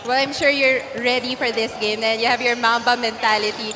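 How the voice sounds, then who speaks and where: A woman's voice: a little high, little pitch movement, a little fast. A woman with a Filipino accent conducting a courtside basketball interview. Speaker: courtside reporter. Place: courtside in an indoor gym. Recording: echoey noisy gym.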